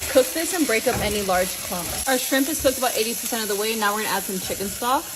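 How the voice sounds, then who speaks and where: Casting: young woman, high-ish voice, chatty and joking, phone-recorded home vlog with clear background noise. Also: quick pace. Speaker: food vlogger. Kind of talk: casual vlog narration.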